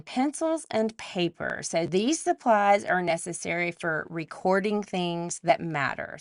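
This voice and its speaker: A woman's voice: fairly low pitch, vocal fry, no echo, studio quality. A woman, hosting a solo podcast and talking through a numbered list with faith asides. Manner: warm list-style reflection with faith asides. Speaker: podcast host. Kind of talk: scripted solo podcast talk.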